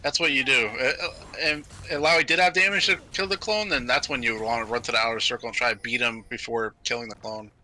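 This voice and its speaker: A man casting a video game match, talking through the action in brisk, analytical play-by-play with frequent fillers. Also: medium pitch, steady tone, bright, forceful tone. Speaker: esports caster. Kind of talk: play-by-play commentary.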